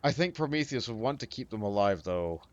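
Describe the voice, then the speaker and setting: A man's voice: on the low side, animated, fairly quick, dull audio. A man hosting a let's play, thinking aloud in casual game commentary, full of fillers.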